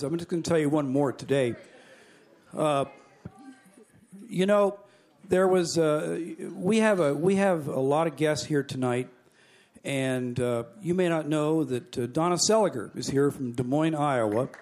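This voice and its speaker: Middle-aged man, after-dinner speaker, folksy joke-teller, somewhat high voice. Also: normal speed, darkish tone. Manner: folksy joke-telling with chuckles. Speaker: convention speaker. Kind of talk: after-dinner jokes and speech. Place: banquet hall.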